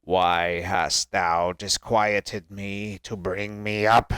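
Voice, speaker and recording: A man voicing an undead old male prophet, slow and solemn, with a strained throaty growl. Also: sits low, little pitch movement, fairly bright tone, clear, resonant tone, no room sound, voice pushed down, exaggerated voice. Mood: ominous.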